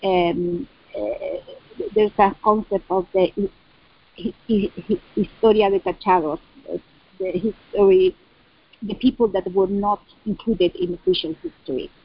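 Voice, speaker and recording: Female interviewee, Chilean Spanish accent. Slow, halting delivery, mentally translating into English. Slightly muffled, low-fidelity sound. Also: breathy edge, no echo. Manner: translating in head, halting and searching for English words. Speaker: curator and cultural center representative. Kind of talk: interview answer about exhibitions. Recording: dull lo-fi sound.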